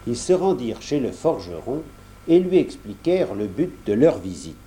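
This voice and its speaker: A man's voice: mid-range voice, big pitch swings, moderate pace, dark tone. A man reading a children's story aloud, addressing the young listener directly and explaining as he goes.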